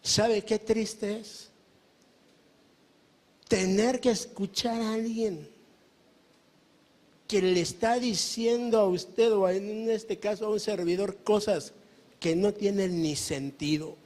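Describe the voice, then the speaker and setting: A man's voice: high voice, fairly even intonation, slow pace, pauses often, a little mellow. A man with a Mexican accent preaching a sermon as pastor, emphatic and full of rhetorical questions to the congregation. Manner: emphatic preaching, often calling listeners brother.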